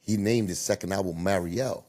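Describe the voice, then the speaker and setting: A man's voice: low voice, moderate pace, warm tone. A man from Cuba hosting a podcast, telling stories in casual street slang with emphatic delivery. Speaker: podcast host. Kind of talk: casual chat.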